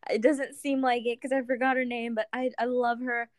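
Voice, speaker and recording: A woman's voice: on the high side, level tone, fairly quick, no echo, clean studio sound. A young woman chatting casually, giggly and gushing, often trailing off with fillers. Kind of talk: casual chat.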